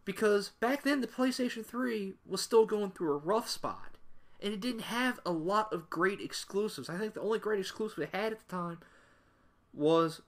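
A man's voice: sits high, a bit bright. A young man ranting casually to camera in a sarcastic, rambling way, full of asides. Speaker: gaming video creator. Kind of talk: casual opinion rant to camera.

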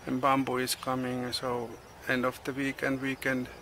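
A middle-aged man, not a native English speaker, vlogging outdoors on a tropical farm. His English is halting, with many pauses and uh's, and the camera is held at arm's length. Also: medium pitch, monotone, sharp tone, a little hiss or hum. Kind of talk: casual vlog narration. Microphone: handheld camera selfie and tripod camera.

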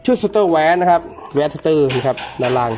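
Isan-accented male repairman-reviewer, slightly high voice, loose and jokey, faint music bed. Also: animated, fast talker. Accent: Isan (Northeastern Thai). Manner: chatty, joking, talks to viewers as brothers and sisters. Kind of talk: casual product unboxing review.

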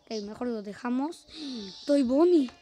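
High-voiced, excitable woman gamer. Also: unhurried. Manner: excitable, shrieks and gasps at scares. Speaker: gaming YouTuber. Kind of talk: horror game let's play commentary. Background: game music.

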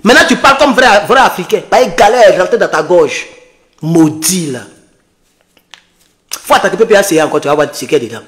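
A man's voice: sits high, lively intonation, fairly quick, pauses often, fairly bright tone. A man with an Ivorian French accent, taunting and scornful, ranting on a late-night livestream into his phone. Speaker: online political activist.

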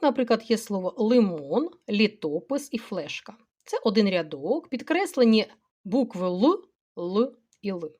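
A middle-aged woman with a Ukrainian accent, a teacher slowly explaining a grammar lesson to schoolchildren step by step and addressing them directly. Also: medium pitch, darkish tone.

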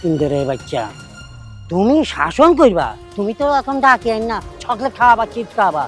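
Man playing a quick-talking search helper. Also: high-pitched, very animated, a bit bright, faint music behind. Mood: busy.

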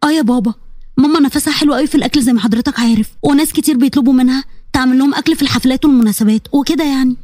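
A woman's voice: sits high, rapid-fire, warm tone. A woman voicing a poor young university student with an Egyptian accent, polite, hurt and pleading.

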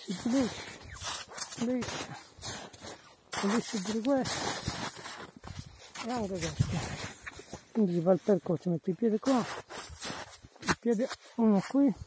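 A man's voice: high voice, takes it slowly, pauses often, noisy background. A man guiding viewers along a path outdoors, explaining each step as he walks, in light rain on snowy ground. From Italy. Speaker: hiking guide. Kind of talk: walking vlog narration.

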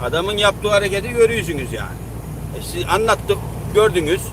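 A man's voice: high-pitched, lively intonation, fairly quick. A man in his thirties, a long-haul truck driver, telling an angry story in a casual vlog, heated and indignant, acting out both sides of a quarrel. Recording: noisy roadside traffic. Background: vehicles and outdoor traffic.

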